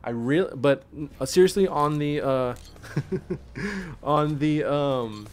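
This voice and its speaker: A man streaming gameplay, commenting casually in slang with swearing, a little tipsy from drinking, and breaking into excited yells during play. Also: a little high, slow pace. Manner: laid-back, slangy, swears, bursts into excited yelling at play. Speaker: gaming streamer.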